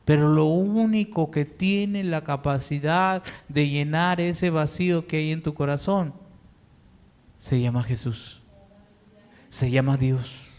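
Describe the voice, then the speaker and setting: A male pastor with a Mexican Spanish accent preaches slowly and earnestly, his pleading voice sitting a little high. It rings out with the long reverb of a church hall. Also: a little mellow, clear, resonant tone. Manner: earnest, pleading, slow deliberate delivery. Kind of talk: sermon. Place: church sanctuary.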